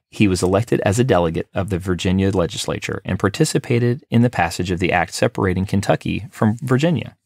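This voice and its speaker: Low-voiced man reading local history. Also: gravelly, no echo, studio quality. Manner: steady, measured reading. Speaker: library podcast host. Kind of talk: scripted history narration.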